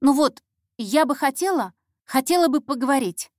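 Brief: anxious young cub reporter girl, stammering and rambling, pitched up, read by a woman narrator. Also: lively intonation, moderate pace, a little mellow, no room sound, studio quality. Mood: flustered. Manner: hesitant, stumbling, fumbling for words. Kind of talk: audiobook character voice.

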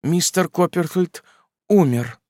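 A man voicing a frail, timid young widowed mother in an audiobook, speaking softly, hesitantly and with a tremble. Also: high-pitched, animated, moderate pace, no echo, clean studio sound, pitched above the performer's own voice. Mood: trembling.

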